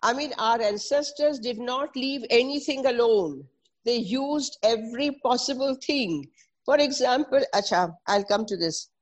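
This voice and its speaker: A woman's voice: on the high side, animated, unhurried. Didactic woman with a North Indian accent. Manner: didactic, spells out and repeats terms. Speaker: presenter explaining traditional Indian textiles. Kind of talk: informal explanatory talk mixing English with Hindi and Sanskrit.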